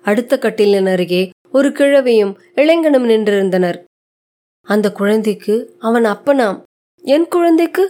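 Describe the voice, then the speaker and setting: A woman narrating a short story in a measured, expressive reading. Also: mid-range voice.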